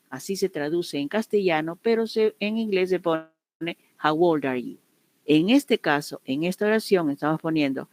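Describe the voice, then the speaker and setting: In an online class, a woman English teacher with a lowish, slightly mellow voice explains grammar, patiently repeating every example and often checking that her students have understood. There is no room sound.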